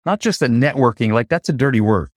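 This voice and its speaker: A middle-aged man from Atlanta, a coach giving an interview, who tells stories in an animated way and acts out the quoted dialogue. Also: medium pitch, fast talker, dry recording, clean studio sound. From Atlanta, USA. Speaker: coach and facilitator, interview guest. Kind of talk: conversational interview storytelling.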